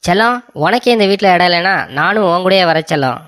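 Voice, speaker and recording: A doting young husband, voiced for a cartoon story, rushing out sweet reassurances to his wife. His mid-pitched voice moves fast and sounds dry and close. He fawns and pleads with everyone in turn. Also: fairly bright tone, no room sound, close to an everyday voice. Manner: fawning and soothing toward his wife. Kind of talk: animated storybook voice acting.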